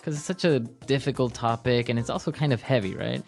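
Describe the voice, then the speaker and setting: A man's voice: mid-range voice, brisk, creaky. Male co-host, casual, steers the talk, faint music bed. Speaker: podcast co-host. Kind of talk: casual teaching chat.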